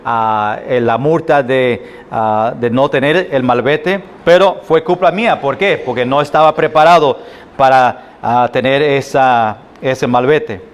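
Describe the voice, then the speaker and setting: A man with a Puerto Rican accent preaching a sermon as pastor, halting often with fillers and restarts. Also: medium pitch. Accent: Puerto Rican Spanish. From Puerto Rico. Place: church sanctuary.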